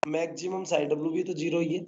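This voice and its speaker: A man's voice: a little high, steady tone, fast, gravelly, warm tone, lo-fi sound, slight background noise. Coaxing male teacher quizzing a class. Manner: coaxing, keeps asking students to answer. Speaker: botany teacher. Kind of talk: classroom lecture.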